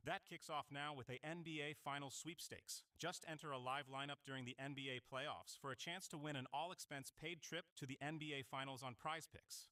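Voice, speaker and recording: A man putting on a smooth, bright ad announcer. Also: on the high side, a little fast, few pauses. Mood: promotional. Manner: polished, even announcer delivery. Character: smooth adult male ad announcer. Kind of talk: scripted ad read.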